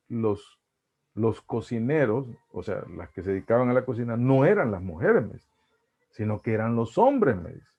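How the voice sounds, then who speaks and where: A man with a Salvadoran accent giving an online psychology lecture, halting and repeating words, often ending phrases with a questioning tag. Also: on the low side. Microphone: video call. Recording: dull lo-fi video call audio.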